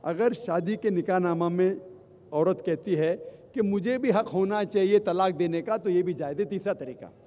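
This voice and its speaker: Speaking at a moderate pace, this male Islamic lecturer has a high-sitting voice with a dark tone. He responds to questions from the audience, enumerating each point in turn and weaving English phrases into his talk, with long reverb from the hall.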